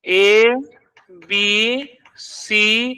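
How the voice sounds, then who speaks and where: Bright-voiced teacher quizzing his class. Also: sits high, fairly even intonation, extremely slow, clear, resonant tone, recorded from a distance, rough recording. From India. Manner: quizzing students, pressing them to check each step. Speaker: math teacher.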